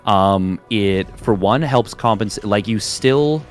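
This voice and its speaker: A man's voice: lowish voice, slow pace, soft background music. A man co-casting an esports match, chatty and hedging, often restarting his thoughts. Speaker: co-caster. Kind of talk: casual game commentary and analysis.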